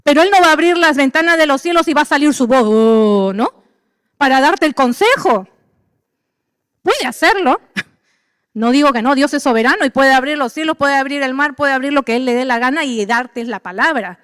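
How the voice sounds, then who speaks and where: High-voiced woman preaching a sermon. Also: moderate pace, no echo, studio quality, in a large hall. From Peru. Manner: animated preaching, acting out voices of believers and God. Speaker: pastor.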